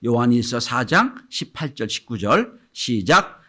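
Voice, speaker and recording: A middle-aged man preaching a Sunday sermon in a lively, animated voice. He reads scripture with slow weight. He jumps between loud, emphatic bursts and hushed, near-whispered lines. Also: medium pitch. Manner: reads scripture slowly and deliberately. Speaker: pastor.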